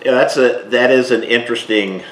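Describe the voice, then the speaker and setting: A man hosting an interview, asking long questions in a relaxed way with plenty of fillers. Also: mid-range voice, fairly quick. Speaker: host. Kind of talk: casual interview. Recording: echoey room with faint noise.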